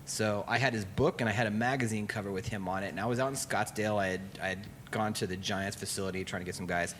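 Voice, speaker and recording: Brewery owner guy telling a story fast, does the voices in his dialogue, bit of background hiss. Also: fairly low pitch. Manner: animated, acts out quoted dialogue. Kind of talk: casual storytelling.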